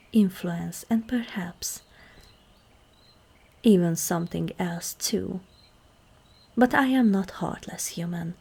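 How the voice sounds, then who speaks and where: This ASMR roleplay has a woman portraying a seductive, regal demon queen of ancient times in a scripted monologue directed at the listener. Her voice sits low, heavily acted, husky, breathy and creaky, measured and commanding, and it frequently softens almost to a whisper.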